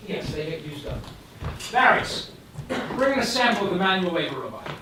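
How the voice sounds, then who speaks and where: A man's voice: a little high, lively intonation, quick pace, lightly acted. A man playing a proud, matter-of-fact factory director showing off his robots, in a stage play. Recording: echoey room from far off with noise.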